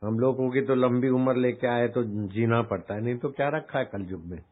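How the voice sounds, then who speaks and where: A man's voice: mid-range voice, normal speed. A male spiritual teacher giving a folksy devotional discourse, full of scolding rhetorical questions. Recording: tinny phone-like sound.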